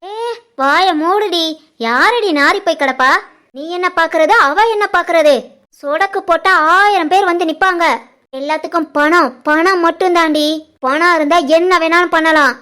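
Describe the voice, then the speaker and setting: A haughty cartoon mother-in-law, voiced by a woman who throws out insults and threats in a very high, piercing voice. She has a southern Tirunelveli Tamil accent and a domineering, scornful manner. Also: normal speed, fairly bright tone. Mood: scornful, threatening. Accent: southern Tamil Nadu (Tirunelveli) Tamil. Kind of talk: animated family drama voice acting.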